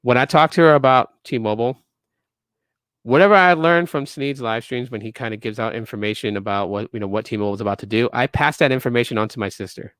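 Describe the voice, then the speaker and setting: A man in his late thirties hosts a tech podcast, ranting casually at viewers in a lecturing way, with emphatic repetition and frequent restarts. His mid-range voice is quick, a little bright, clear and resonant, with no echo.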